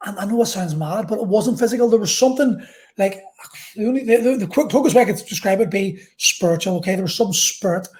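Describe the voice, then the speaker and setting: A woman's voice: medium pitch, expressive, a little mellow. Woman telling an intense personal story. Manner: intense, halting, repeats phrases, swears. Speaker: vlogger.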